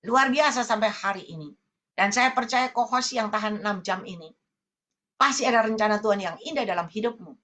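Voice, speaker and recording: A woman evangelist preaching a sermon over a video call, swinging between loud emphasis and low asides. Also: a little fast. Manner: addresses listeners as brothers and sisters often.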